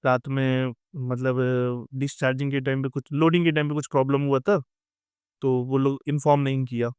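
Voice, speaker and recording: A man's voice: mid-range voice, flat delivery, moderate pace, darkish tone, smooth, no room sound. A young man tells a casual story about life at sea and keeps dropping "theek hai" and "matlab" as he goes. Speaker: merchant navy officer sharing advice.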